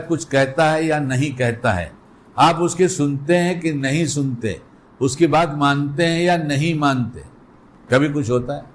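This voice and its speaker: A man's voice: a little high, slight background noise. Man preaching a colloquial sermon. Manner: colloquial, fires rhetorical questions at listeners. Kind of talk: Islamic sermon.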